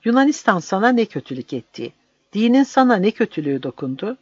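A man voicing a cruel, mocking soldier who shouts and taunts, on a dull, dry recording. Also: sits high, sing-song, quick pace, husky, dry recording, voice pushed up, exaggerated voice. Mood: angry. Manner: jeering, shouting.

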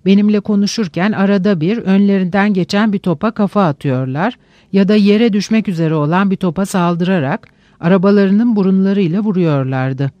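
Narrating a literary audiobook, a man with a high-pitched voice sounds measured and reflective, leaving slow pauses. The audio is dry, close-miked and lo-fi, with no room sound at all.

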